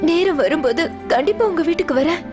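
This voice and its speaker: A despairing young woman in a dubbed film, pleading and tearful. Her voice is very high, with loud film music beneath. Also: animated, fast talker. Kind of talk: Tamil film dub. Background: film score.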